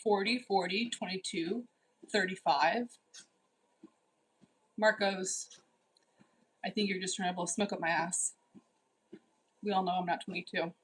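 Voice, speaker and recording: A woman in her forties hosts a casual livestream and reads out her viewers' comments. Her voice is husky and sits at an ordinary pitch. She teases them and firmly scolds anyone who gets out of line. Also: steady tone, measured pace, pauses often, fairly bright tone, poor audio. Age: 40s. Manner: teasing, bossy, scolds viewers. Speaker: livestream host. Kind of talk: casual live chat reading.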